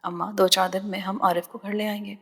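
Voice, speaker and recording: A woman's voice: medium pitch, level tone, gravelly, slightly rough, long reverb tail, soft background music. A woman voicing a worried, proud young woman in an audio novel, guarded and tight-lipped.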